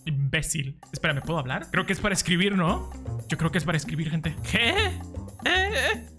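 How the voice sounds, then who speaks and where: A Mexican man commentating a horror game in his parents' house, joking, swearing and breaking into high yelps. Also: sing-song, normal speed, sharp tone, faint music behind. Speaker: gaming youtuber. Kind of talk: let's-play commentary.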